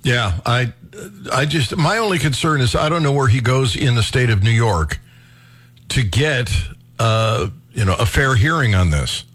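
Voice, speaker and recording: A man hosting a talk radio show, chatting casually with a guest in a halting way with many fillers. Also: medium pitch, expressive, fairly bright tone, husky, dry recording.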